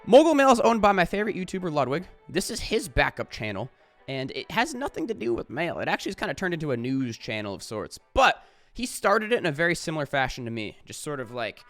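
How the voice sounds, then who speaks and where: Guy vlogging casually, high voice that bounces around a lot, rambles, says like a lot, swears some, faint music under it. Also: a bit bright. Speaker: YouTuber. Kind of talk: casual vlog talk.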